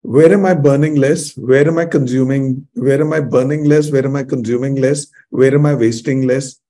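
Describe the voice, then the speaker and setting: A man's voice: medium pitch, steady tone, moderate pace, mellow. A man with an Indian English accent hosting a panel discussion, emphatic and repetitive, with words of Hindi mixed in. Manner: emphatic, repeats himself, switches into Hindi. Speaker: host and moderator.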